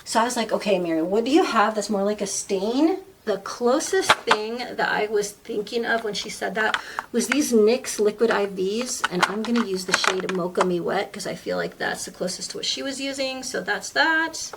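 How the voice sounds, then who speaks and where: A woman's voice: medium pitch, moderate pace. A woman chatting casually as a beauty vlogger at home, rambling through asides and poking fun at herself. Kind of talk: casual chat while doing makeup. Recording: voice a bit far from the mic, faint noise.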